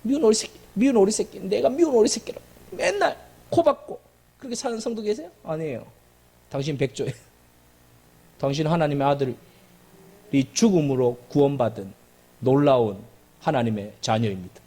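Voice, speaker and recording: Animated high-voiced male preacher. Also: moderate pace, gravelly, long pauses, breathy edge. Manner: animated and emphatic, with jokes and repetition. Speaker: pastor. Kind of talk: sermon.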